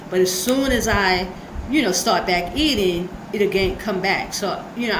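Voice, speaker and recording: In a roomy space with a noisy background, a woman with a mid-range voice hosts her channel. She rambles earnestly about her diet and her preparations, using plenty of fillers, in the style of casual reaction commentary.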